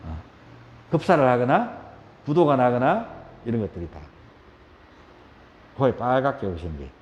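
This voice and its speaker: A man with a Gyeongsang Korean accent teaching a yoga class, asking questions and acting out shouts. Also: mid-range voice, moderate pace, highs cut off, slight background noise. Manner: lively, asks the class questions, acts out shouts. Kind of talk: spoken yoga lecture. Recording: roomy hall echo.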